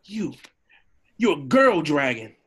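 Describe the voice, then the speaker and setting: A man plays an excitable, cowardly cartoon donkey with a husky voice. He rambles and wheedles nervously, taking his time over the words. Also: on the high side, takes it slowly, exaggerated voice. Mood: nervous flattery. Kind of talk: animated film script table read.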